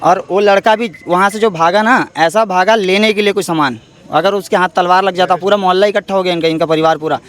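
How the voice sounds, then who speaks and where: A man's voice: sits high, brisk, a bit bright. A young man, a paramilitary jawan and cricket coach, giving a defensive, emphatic street interview outdoors and often calling the reporter "sir".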